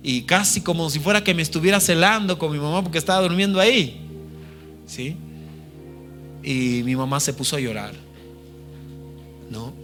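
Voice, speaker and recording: A man's voice: a little high, lively intonation, normal speed, long pauses, over music. A man preaching a sermon, telling a personal story in an earnest, personal way and often checking in with his listeners. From Peru. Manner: earnest, personal, frequent tag questions. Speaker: missionary preacher.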